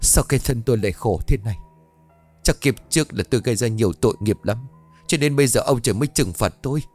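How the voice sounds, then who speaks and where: A man's voice: mid-range voice, rapid-fire, darkish tone, faint music behind, lightly acted. A man voicing a grieving older mother in a ghost story, wailing over her son. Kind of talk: audio ghost story reading.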